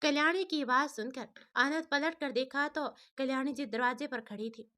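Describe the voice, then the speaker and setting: High-voiced woman reading a story. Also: normal speed. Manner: steady storytelling. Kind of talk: read family story narration.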